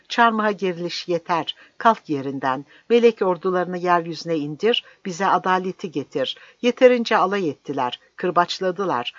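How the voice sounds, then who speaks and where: A reader voicing a fiery old village priest who shouts his defiance in an impassioned, declaiming way, on a dry, slightly dull recording. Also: mid-range voice, dry recording, pitched above the performer's own voice, natural voice. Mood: pleading.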